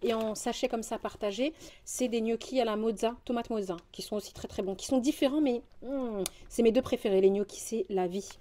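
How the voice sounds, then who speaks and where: A young French woman, chatting casually through a grocery haul vlog, rambling and quick to get indignant. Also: a little high, dark tone, slight background noise. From France. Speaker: vlogger.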